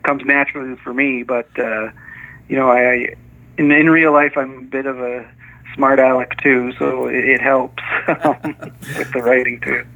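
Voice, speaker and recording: Male author guest, halting speech full of restarts, heard through a narrow phone line. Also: mid-range voice, gravelly, bright, forceful tone. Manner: hesitant, many restarts and small laughs. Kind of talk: casual interview chat.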